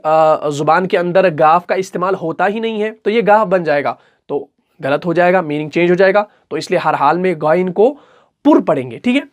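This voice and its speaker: A man giving a recitation lesson for an online class, patient and methodical. He sounds out each example word slowly and carefully, then pauses to ask if the listener is following. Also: high-pitched. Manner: stretches example words out slowly, checks in with "okay?" often. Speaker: Quran recitation teacher.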